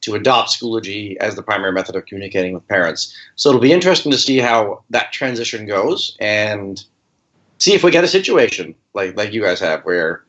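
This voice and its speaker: A man's voice: on the low side, lively intonation, a little fast, a bit bright. A man co-hosting a teaching podcast, talking casually and restarting his sentences as he goes. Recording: dull lo-fi recording.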